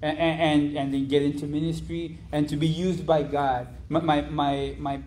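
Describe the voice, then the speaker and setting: A young adult man preaching, telling his own story in a halting way with many restarts and a frequent "right?". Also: on the high side, little pitch movement, a little mellow, a little hiss or hum. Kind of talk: testimony sermon.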